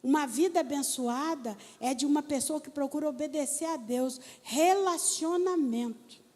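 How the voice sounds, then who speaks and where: High-voiced woman pastor preaching in a hall. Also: normal speed. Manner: animated storytelling preacher, talks to the congregation directly. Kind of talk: sermon. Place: church hall. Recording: church hall with long reverb.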